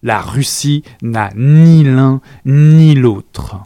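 A man reading aloud, voicing a theatrical male revolutionary leader who declaims with passion and rises to loud peaks. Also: mid-range voice, extremely slow, smooth, dry recording. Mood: impassioned.

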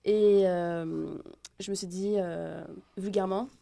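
A woman's voice: medium pitch, slow, creaky. A woman in her thirties from the Paris region with a Parisian accent, chatting as a guest with many fillers. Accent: Parisian French. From Paris region, France. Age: 30s. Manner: relaxed, hesitant, many fillers. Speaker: guest, hip-hop event organizer. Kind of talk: casual interview.

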